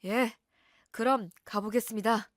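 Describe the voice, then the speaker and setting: A woman voicing a calm, courteous male police officer at the door. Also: fairly high pitch, unhurried, no echo, studio quality, close to an everyday voice. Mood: formal.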